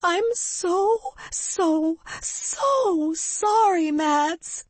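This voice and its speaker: A woman's voice: sits high, lively intonation, unhurried, gravelly, no room sound, voice pushed up, heavily acted. A woman narrator voicing a sweet young woman whose shaky voice is close to tears. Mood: tearful sympathy.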